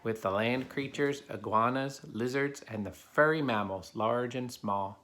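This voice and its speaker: This is a man reading a children's picture book to a child helper, putting things in simple terms as he goes. His pitch is medium, his pace a little slow, and his tone a bit bright. Background noise is clearly present.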